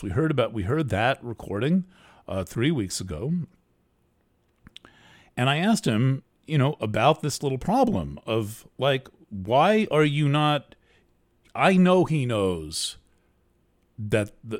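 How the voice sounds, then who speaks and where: A man hosting a show, talking through a monologue in a deliberately soft, earnest way. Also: mid-range voice. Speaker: host. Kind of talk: monologue commentary.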